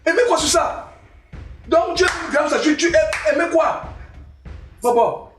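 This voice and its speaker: A woman's voice: high-pitched, unhurried. A woman from western Cameroon, playing a stern, proud African father who lectures his son in a comedy skit. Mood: scolding. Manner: lecturing, repeating himself, mocking. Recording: roomy, distant mic, faint music.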